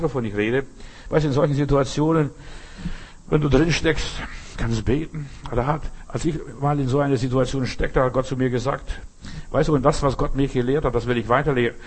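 A man's voice: mid-range voice, steady tone, a little fast, darkish tone, breathy edge. An older man preaching a sermon in an emphatic, conversational way, often checking whether listeners understand. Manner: emphatic, conversational, asks "verstehst?".

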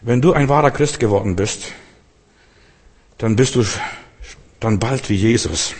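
A man's voice: mid-range voice, a little slow, a little mellow. A man preaching a sermon, earnest and repetitive, speaking straight to his listeners. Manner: earnest, repeats phrases, addresses listeners directly. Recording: long reverb of a church hall.

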